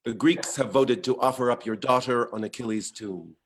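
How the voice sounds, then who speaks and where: An actor playing a calculating Greek commander, curt and matter-of-fact. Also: male voice, mid-range voice, normal speed, natural voice. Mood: cold businesslike. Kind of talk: stage play reading.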